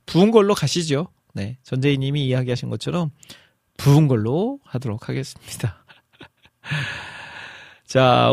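A man's voice: gravelly, dry recording. Chatty middle-aged man hosting, dry close sound. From North Jeolla, South Korea. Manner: chatty and friendly, jumps up in pitch when reading out comments. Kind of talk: casual live show chat, reading listener messages.

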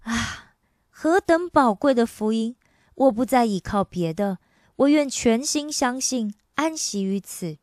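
A woman's voice: fairly high pitch, expressive, a little slow, a little mellow, dry recording, clean studio sound. A woman voicing a dying man who speaks in a troubled, pleading way about his fear of judgment. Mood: relieved.

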